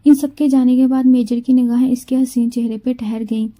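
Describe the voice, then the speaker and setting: A woman reading a complete romance novel aloud in a steady, even storytelling narration. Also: high voice, a little fast.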